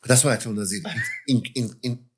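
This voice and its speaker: Fast-talking podcast host. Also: male voice, mid-range voice, steady tone, a little mellow. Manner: quick, opinionated, jumps in on others. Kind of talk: casual podcast chat. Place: podcast studio.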